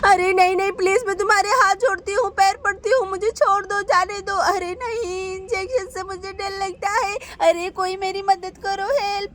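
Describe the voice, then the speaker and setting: A woman voicing a frightened aunt in a doll cartoon, begging and panicky, with a high voice. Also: measured pace, slight background noise. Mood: terrified pleading. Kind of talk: Hindi doll-story voice acting.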